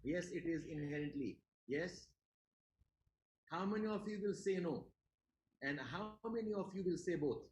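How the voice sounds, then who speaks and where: A man's voice: high-pitched, moderate pace, pauses often, a little mellow, reverberant, a little hiss or hum, poor audio. A man with an Indian English accent teaching a class, emphatic, repeating his questions to the students. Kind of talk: classroom lecture.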